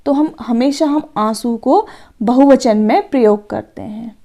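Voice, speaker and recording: Woman teacher going thru a worksheet slow and patient, kinda high, mellow tone. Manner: slow, patient, explains step by step. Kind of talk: explaining a worksheet.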